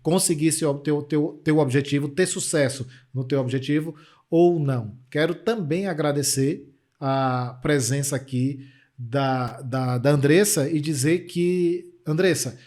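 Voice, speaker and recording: A man's voice: a little high, measured pace, a little mellow. A man with a Brazilian accent hosting an interview podcast, enthusiastic and repeating words as he searches for them. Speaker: podcast host.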